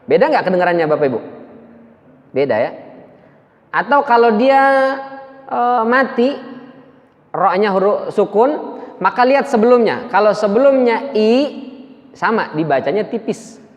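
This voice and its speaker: A man teaching Quran recitation to a mosque congregation, explaining slowly and demonstrating the sounds himself. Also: high voice, animated. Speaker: preacher. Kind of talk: tajwid lesson to a mosque congregation. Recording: dull sound with long hall reverb.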